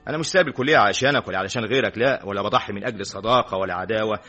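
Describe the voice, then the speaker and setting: An earnest young student. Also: male voice, lowish voice, racing, sharp tone, lo-fi sound, soft background music. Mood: emphatic. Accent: Egyptian Arabic. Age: young adult. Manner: emphatic, repeated denials. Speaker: student friend. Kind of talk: classic radio drama acting.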